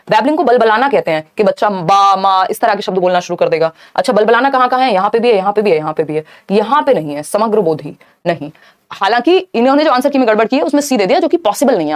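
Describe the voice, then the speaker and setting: A woman with a voice on the high side teaches a live online exam-prep lesson. She explains answers briskly and responds to viewers in the chat.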